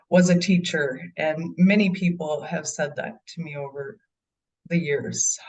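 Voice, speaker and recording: A woman's voice: deep voice, distant mic, low-quality recording. A middle-aged mother answering interview questions in an earnest way, with frequent ums. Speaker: bereaved mother and guest.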